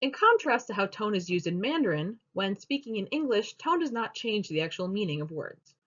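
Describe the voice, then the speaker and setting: Young woman presenting, lively pitch, dull sound. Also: brisk. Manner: explanatory, steady teaching delivery. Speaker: student presenter. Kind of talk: class presentation. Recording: dull lo-fi recording.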